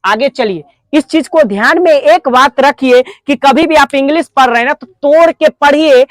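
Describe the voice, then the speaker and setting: A woman with an Indian accent teaching spoken English, breaking words into slow, stressed syllables. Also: high voice, dry recording. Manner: drawn-out, stressed syllable drills. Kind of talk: classroom lesson.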